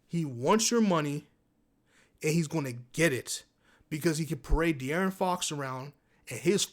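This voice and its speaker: Male sports commentator, heated profane rant, repeats points, voice a touch high. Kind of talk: ranting basketball commentary.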